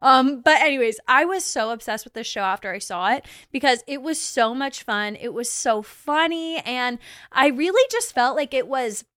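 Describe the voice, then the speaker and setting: A woman in her mid-twenties chats through her podcast in a bubbly, rambling way, full of "like" and small laughs. Her voice is smooth and clear and sits a little high. The sound is close and dry, with no room around it. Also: expressive, normal speed, fairly bright tone, dry recording. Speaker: podcast host. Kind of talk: casual solo podcast recap.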